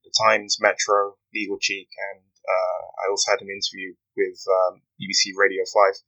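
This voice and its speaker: A young man, giving an earnest, measured account as a podcast interview guest. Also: low voice, little pitch movement, gravelly, bright, forceful tone, lo-fi sound. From West London, UK. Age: 20s. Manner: earnest, measured storytelling with frequent "you know". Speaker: guest, aspiring barrister.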